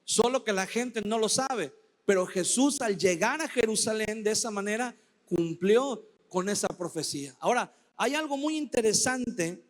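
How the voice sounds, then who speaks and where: A man preaching a sermon as pastor, slow and emphatic, acting out desperate cries for help in his quotes. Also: sits high, lively intonation, in a large hall. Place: church sanctuary.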